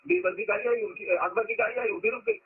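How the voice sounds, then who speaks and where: A man's voice: high-pitched, sing-song, fast talker, a little hiss or hum. A man giving a spiritual discourse to followers, telling stories and stressing words to make his point. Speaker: spiritual teacher. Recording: lo-fi phone-like recording.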